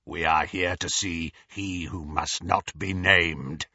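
A man voicing a rasping, brutish male werewolf leader in an audiobook. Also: low-pitched, fairly even intonation, slow, bright, forceful tone, no room sound, dull audio, voice pushed down, full character voice. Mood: gruff.

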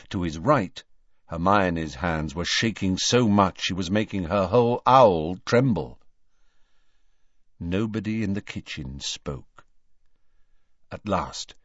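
Male audiobook narrator, deep and slow-paced, expressive intonation, dry slightly lo-fi recording. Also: dry recording. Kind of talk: scripted storybook narration.

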